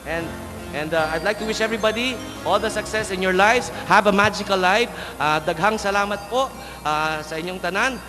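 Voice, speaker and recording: A man's voice: high voice, fairly quick. A man with a Filipino accent doing playful, showy comedy magic patter like a kids' party magician on stage. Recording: echoey hall sound, music behind.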